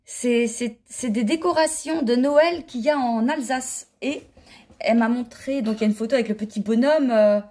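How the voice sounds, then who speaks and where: French-style chatty knitting lady on her sofa at home, kinda high voice, rambles and restarts a lot. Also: moderate pace, mellow. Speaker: knitting vlogger and yarn dyer. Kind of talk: casual chat. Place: home living room, on the sofa.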